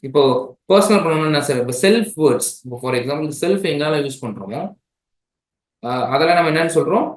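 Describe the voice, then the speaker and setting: A man with a Tamil accent teaches an exam-prep grammar class in a slightly higher voice. He keeps checking in with his listeners as he explains. The room is echoey. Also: expressive, quick pace. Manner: mixes languages, checks in with "right?".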